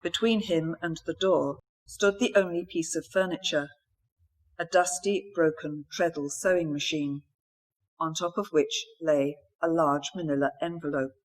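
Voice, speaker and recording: A woman author reading a mystery novel aloud in a steady, even storytelling manner. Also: low-pitched, a little slow.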